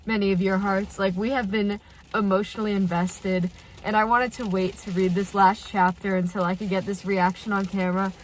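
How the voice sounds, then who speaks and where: Sitting in her parked car, a stuffy-nosed woman with a mid-range voice talks at a normal speed; the audio is poor, with slight background noise. Nasal from a cold, this channel host reacts to fan fiction in a casual vlog, gushing and excitable, packed with filler "like"s.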